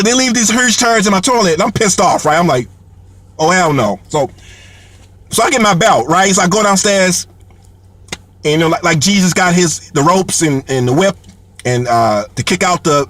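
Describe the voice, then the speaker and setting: Brief: man, high voice, animated comic storyteller, lots of fillers and restarts. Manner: heavy fillers and repeated words; animated, laughs between lines. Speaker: comedian telling a story.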